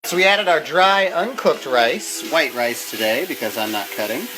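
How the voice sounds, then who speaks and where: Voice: medium pitch, animated, moderate pace, rough recording. A home cook giving a casual, chatty and mildly profane cooking demonstration. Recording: music and sizzling pan behind. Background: music, frying food sizzle.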